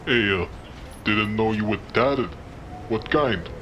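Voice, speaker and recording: A man's voice: on the low side, takes it slowly, background noise. Man playing a chatty wise-guy doorman. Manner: slangy, rambling wise-guy talk. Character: chummy, chatty male street-tough doorman, dim but friendly. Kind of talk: noir audio drama acting.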